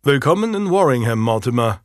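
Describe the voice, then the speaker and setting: A man's voice: medium pitch, sing-song, fairly quick, dry recording, close to an everyday voice. A man voicing a stern medieval lord who speaks with dry command in a storybook reading.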